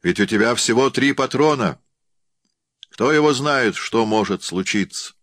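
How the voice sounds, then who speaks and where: A man's voice: low voice, animated, moderate pace, no echo. A man reading an audiobook, voicing a wary, anxious sled traveler with a cautious, urgent way of speaking.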